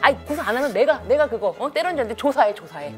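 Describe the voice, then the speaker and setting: A woman voicing an angry older mother-in-law who scolds and taunts loudly. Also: high-pitched, sing-song, racing, faint music behind, voice pushed up. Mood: furious.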